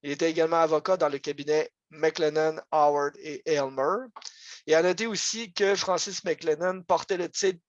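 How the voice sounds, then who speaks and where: Via video call, a man with a Quebec French accent presents an online history lecture about his local area, loose and conversational with frequent fillers and digressions. His voice is a little high. The sound is lo-fi, with no room sound.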